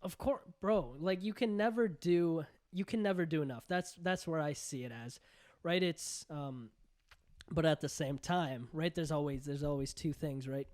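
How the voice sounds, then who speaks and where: A man co-hosting a podcast in casual chat, easygoing and reflective, quick to agree with his partner. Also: a little high, a little mellow. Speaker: podcast co-host.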